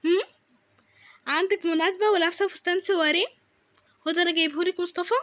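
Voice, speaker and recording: A woman's voice: very high-pitched, fairly even intonation, fast, fairly bright tone, dry recording. A woman voicing a strict, conservative mother who scolds and nags in an Egyptian accent. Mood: scolding. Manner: scolding, nagging, insistent.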